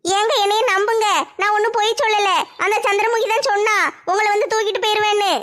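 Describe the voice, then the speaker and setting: A woman acting a complaining young wife in a comic home skit, chattering in an animated way. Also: very high voice, fast. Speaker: comedy skit creator.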